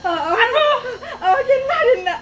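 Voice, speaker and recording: An actress playing an abused young pregnant wife, pleading through tears. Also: female voice, very high-pitched, expressive, measured pace. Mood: tearful pleading. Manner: tearful, pleading.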